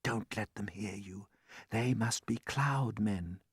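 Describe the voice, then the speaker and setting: A performer voicing a cautious, sensible small boy who speaks in soft, hushed whispers in a children's storybook. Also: mid-range voice, slow, slightly rough, no echo, studio quality, full character voice. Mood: hushed caution.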